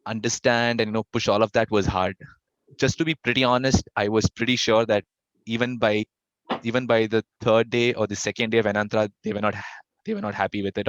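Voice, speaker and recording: A young man with a lowish voice answers interview questions in a casual way, stuttering and restarting often. He's the founder of a fest, being interviewed. The audio is dull, lo-fi and dry, with no echo.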